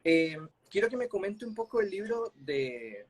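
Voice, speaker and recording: A Costa Rican man with a Costa Rican Spanish accent speaks in a high, slightly rough, unhurried voice with big pitch swings. He hosts a casual video-call interview, friendly, asking open questions and adding short backchannels, with faint background noise in the recording.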